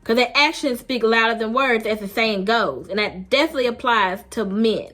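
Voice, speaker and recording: A woman's voice: a little high, moderate pace, bright, forceful tone. A woman vlogger recounts a dating story in a casual, unscripted monologue. She is blunt and emphatic, with a slangy, conversational delivery. Faint music plays in the background.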